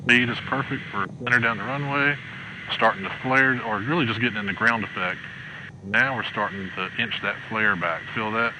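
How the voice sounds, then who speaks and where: A man flying a small plane, talking over a cockpit headset intercom, calmly coaching a young student step by step and making radio calls. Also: on the low side, moderate pace. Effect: pilot talking over a cockpit headset intercom. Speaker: pilot instructing a young student. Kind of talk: in-flight instruction and radio calls. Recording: noisy cockpit headset audio. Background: engine drone.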